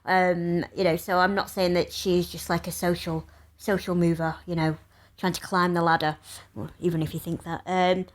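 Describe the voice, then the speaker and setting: A woman's voice: on the low side, little pitch movement. Hungover, rambling woman. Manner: rambling, giggly, many filler pauses. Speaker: podcast co-host. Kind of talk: casual chat.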